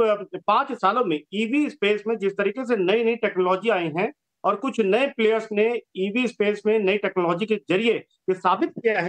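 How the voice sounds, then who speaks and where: A man reporting a business news story from a TV studio, brisk and informative, with short filler pauses. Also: sits high, fairly bright tone.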